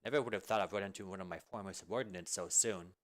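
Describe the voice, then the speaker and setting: A man voicing a strict female deputy commander who speaks with slow, clipped, menacing calm. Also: low voice, pitched below the performer's own voice, close to an everyday voice. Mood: stern. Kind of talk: amateur video game fan dub.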